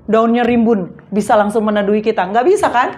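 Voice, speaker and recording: Animated high-voiced woman pastor preaching. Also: brisk. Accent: Manado Indonesian. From Manado, North Sulawesi, Indonesia. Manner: animated, sudden swings from loud to soft, chuckles often. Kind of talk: sermon.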